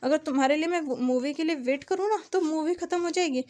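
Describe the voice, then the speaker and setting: A woman voicing a sulky, jealous wife who taunts and complains in a sharp-tongued way. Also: sits high, brisk, pitched above the performer's own voice, close to an everyday voice. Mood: taunting sulky.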